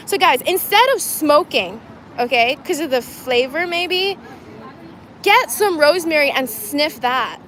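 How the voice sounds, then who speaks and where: Livestreaming outdoors in a city at dusk, a vlogger reads her live chat aloud in a fairly bright voice on the high side. Chatty and quick to laugh, she calls her viewers "guys," while street and traffic noise comes through clearly behind her.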